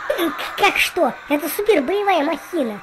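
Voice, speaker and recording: Woman as a high-voiced brash cartoon cat girl. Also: normal speed. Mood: brash, confident. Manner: brash, slangy, excitable. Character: bossy, brash, foul-mouthed young female cat. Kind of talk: parody cartoon voice acting. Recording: noisy home-made cartoon soundtrack.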